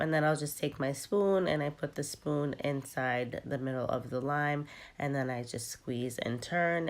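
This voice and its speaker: A young woman talks through her cooking in a relaxed, chatty way, with plenty of ums along the way. Her voice sits low and sounds tired, worn down by a cold. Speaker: cooking vlogger. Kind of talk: casual cooking narration.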